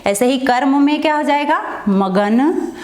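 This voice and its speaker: A woman's voice: sits high, animated, a little slow, echoey room. A woman teaching a Hindi lesson, asking questions and answering them herself as she goes. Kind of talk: online classroom lesson.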